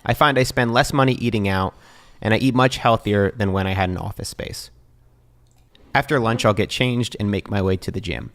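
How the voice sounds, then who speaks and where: A man in his thirties narrating his daily routine in a calm, measured, scripted voice-over. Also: fairly low pitch. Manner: calm, measured, even-toned. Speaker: vlogger and podcaster.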